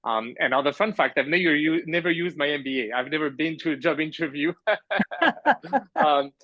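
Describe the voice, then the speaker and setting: A man in his thirties from France talks casually as a podcast guest, his voice bright and forward. He rambles and restarts with lots of fillers and quick laughs. The sound is dry and a bit dull, like a remote call. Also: on the high side, expressive, no room sound. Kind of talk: casual conversational interview. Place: remote call from an island at night.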